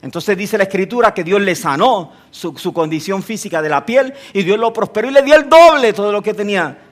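A man preaching a sermon, telling stories in an animated way and rising to emphatic peaks. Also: high voice, brisk.

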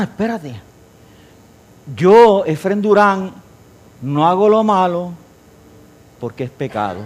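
A middle-aged man preaching a sermon, joking with the congregation and moving between loud and quiet delivery. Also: on the high side, a little hiss or hum. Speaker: pastor.

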